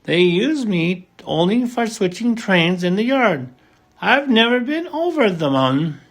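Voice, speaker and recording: A man's voice: high-pitched, sing-song, unhurried, pitched above the performer's own voice, full character voice. A man voicing a small, kind and cheerful female toy engine from a storybook, chanting steadily.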